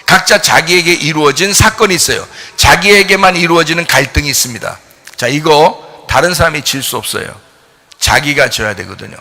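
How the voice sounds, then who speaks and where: Man, pastor, preaching a sermon, bright forceful tone, gravelly edge, blunt direct address. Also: a little high, lively intonation, brisk. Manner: preaching with sudden loud rises and hushed questioning drops; addresses listeners directly in blunt informal speech.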